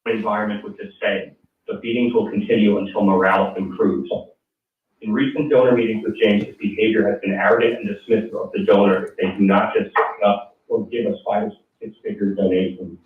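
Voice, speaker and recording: Man reading a letter over a choppy, breaking-up call, low voice, thin phone-line sound from far off. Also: flat delivery, brisk. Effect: choppy call audio that breaks up. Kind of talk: reading a prepared letter aloud. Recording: tinny, echoey call audio from far off.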